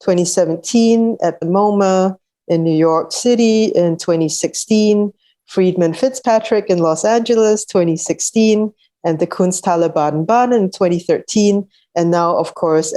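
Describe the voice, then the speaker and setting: A woman's voice: lowish voice, normal speed, warm tone. A woman moderating a poetry reading, introducing the guests in a fluent, formal way with small hesitations. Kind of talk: introductory speech.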